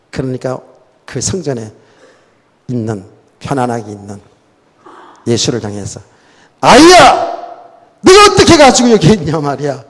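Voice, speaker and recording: Animated male pastor preaching in a hall. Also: medium pitch, vocal fry. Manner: animated preaching, dramatic swings from quiet asides to shouts. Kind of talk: sermon. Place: church sanctuary. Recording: long church hall reverb.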